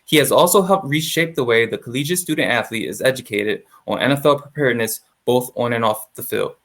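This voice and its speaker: This interviewer, a young adult man and associate producer, talks a little fast in a mid-range voice with a fairly bright tone. After reading his prepared introduction, he asks the guest warm questions full of fillers like "awesome" and "like."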